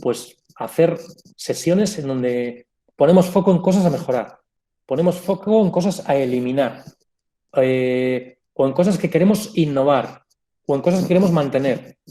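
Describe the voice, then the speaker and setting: A man's voice: fairly high pitch, moderate pace, dark tone. A man giving a reflective pastoral conference talk, explaining ideas with asides and small self-corrections. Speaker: conference speaker.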